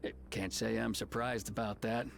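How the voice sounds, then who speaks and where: A man's voice: lowish voice, flat delivery, moderate pace, vocal fry, slight background noise. A man voicing a smug Western lawman villain for a game, with a taunting, theatrical delivery.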